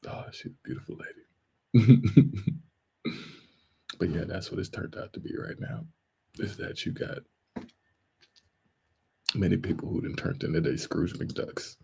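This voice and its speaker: A man's voice: low voice, huge pitch swings, measured pace, creaky, long pauses, mellow, slightly rough, poor audio. A man hosting a live stream, talking in a loose, rambling, joking way that often breaks into laughs. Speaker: livestream host. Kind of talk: casual livestream commentary.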